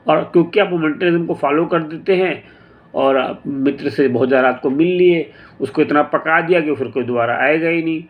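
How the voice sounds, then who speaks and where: A man giving a casual motivational talk, unhurried, thinking aloud with pauses and restarts and mixing in English phrases. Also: fairly high pitch, phone-quality sound. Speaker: motivational speaker.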